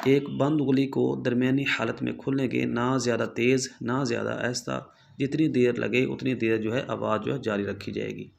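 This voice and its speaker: A man teaching the rules of Quran recitation, explaining patiently and repeating himself, slowly demonstrating pronunciations and checking in often with his students. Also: mid-range voice, vocal fry, slight background noise. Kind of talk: explanatory tajweed lesson.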